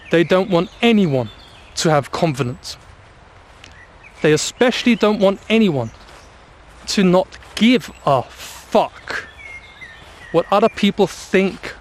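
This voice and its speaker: A man hosting a spiritual vlog, speaking in slow, emphatic, commanding declarations, recorded outdoors in the countryside. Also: high-pitched, animated, a little hiss or hum. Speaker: channel host.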